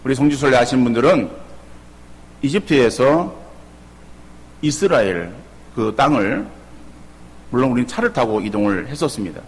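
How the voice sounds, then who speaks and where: A middle-aged man pastor preaching a sermon with lively rhetorical questions. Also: medium pitch, normal speed, pauses often, slightly rough, long reverb tail. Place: church sanctuary.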